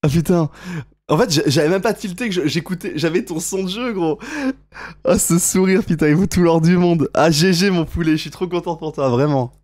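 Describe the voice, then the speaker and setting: At the big moments of a tournament, this young streamer cheers and shouts, keeping his live commentary hyped and slangy. His voice is fairly high and fairly quick, coming through a gaming headset.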